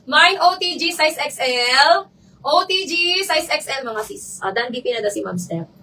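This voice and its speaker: A hoarse woman who is losing her voice runs a live selling stream, rapidly calling out buyers' names again and again. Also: high-pitched, lively intonation, sharp tone, distant mic, a little hiss or hum. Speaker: online live seller.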